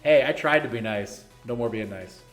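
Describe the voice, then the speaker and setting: A man's voice: mid-range voice, moderate pace, faint music behind. Blunt joking man in his thirties. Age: 30s. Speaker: league organizer and streamer. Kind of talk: casual live-stream Q&A.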